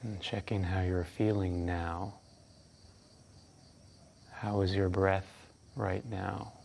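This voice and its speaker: A man leading a guided breathwork meditation as instructor, speaking in a calm, hushed, unhurried way with long pauses. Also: low-pitched, vocal fry, a little hiss or hum.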